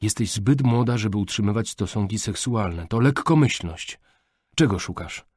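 A man's voice: fairly low pitch, normal speed, a little mellow, breathy edge, dry recording. A man doing a furious scolding father. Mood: angry. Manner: scolding, raised voice. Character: strict overprotective father, furious temper.

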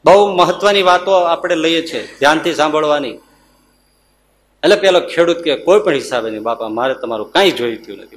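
A man preaching as a monk, telling a story in a sermon with a Gujarati accent, dropping softer and lower for the characters' words and rising to emphatic bursts. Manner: acts out the characters' lines in softer, lower tones; rises to emphatic high bursts.

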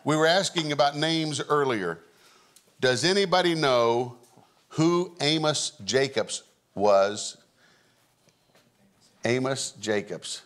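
A man's voice: medium pitch, animated, slow, long pauses, a bit bright. An older man hosting a country music talk show, joking in a folksy way and chuckling often, on a diner studio set before a live audience. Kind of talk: joking casual chat.

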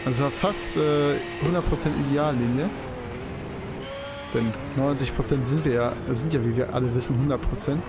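With game music in the background, a young man hosting a let's play chatters casually over a racing game, cursing and shouting at the track. He speaks at a normal speed with a medium pitch.

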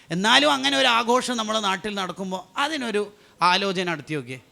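A man preaching an Islamic sermon, asking rhetorical questions and answering them, swinging between loud urging and low intimate tones. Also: gravelly.

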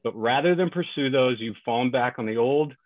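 A man's voice: mid-range voice, fairly quick, no room sound. Accusatory man on a tinny phone line. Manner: accusatory, rhetorical questions, read from notes. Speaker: public commenter. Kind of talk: prepared public comment.

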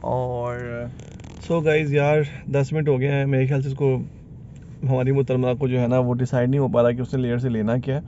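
A man's voice: mid-range voice, level tone, normal speed, a little hiss or hum. A man in his thirties chatting casually as he vlogs, laughing often and mixing English phrases into his talk, filmed on a phone held at arm's length. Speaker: vlogger. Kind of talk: casual vlog chat. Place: busy cafe and parked car at night. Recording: dull phone audio, loud crowd.

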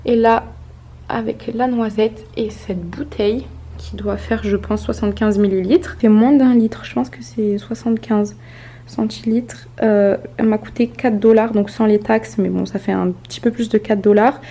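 A woman's voice: mid-range voice, steady tone, normal speed, mellow. A woman in her twenties from France chatting casually through a grocery haul, showing items to the camera with many fillers. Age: 20s. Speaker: vlogger.

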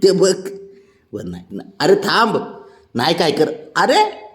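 A man's voice: high voice, huge pitch swings, slow pace. A man talking casually to his pet cat, mock-scolding it and then coaxing it fondly. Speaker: cat owner.

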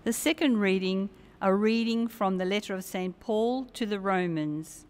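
An older woman reads scripture at a church lectern in a formal, solemn voice. Her pace is slow and deliberate, and a long cathedral-like echo trails her words. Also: mid-range voice, darkish tone, a little hiss or hum. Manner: measured, formal. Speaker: lector reading scripture. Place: brick-walled church, at lectern. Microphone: gooseneck lectern microphone.

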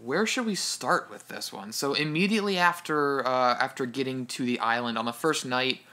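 A man's voice: mid-range voice, normal speed, pushed and bright. A man co-hosting a podcast, chatting casually about a film, hesitant with frequent restarts. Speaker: podcast co-host. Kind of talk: casual film review chat.

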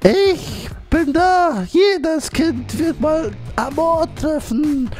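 A man's voice: very high-pitched, animated, extremely slow, darkish tone, soft background music, pitched above the performer's own voice, heavily acted. A man voicing a male god of love who gives solemn commands to another player in a game role-play.

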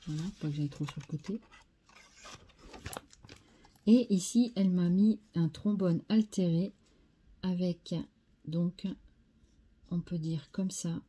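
A woman's voice: fairly low pitch, slow, long pauses, warm tone, a little hiss or hum. A French woman hosting a scrapbooking video, chatting casually as she shows craft mail and repeating how nice each piece is. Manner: chatty, enthusiastic, repeats "très sympa".

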